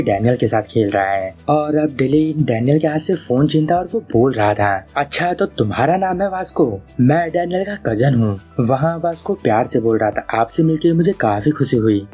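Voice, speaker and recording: A man's voice: a little high, warm tone, slightly rough. Man narrating an anime recap. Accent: Hindi. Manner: retells scenes, reading each character's lines in quotes. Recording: music playing underneath.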